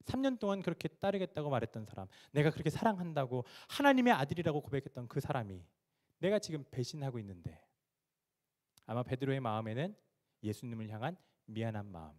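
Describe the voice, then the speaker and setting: A man's voice: mid-range voice, big pitch swings, fast, darkish tone. A male pastor preaching a sermon, retelling a story dramatically and asking his listeners questions.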